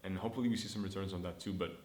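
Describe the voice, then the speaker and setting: A Montreal startup founder, early twenties and French by first language, rattles through a casual business vlog update very fast. His fairly low voice has fairly even intonation and stays chatty and upbeat as he thinks out loud and restarts sentences. He films himself indoors on his own camera, and the room echoes noticeably.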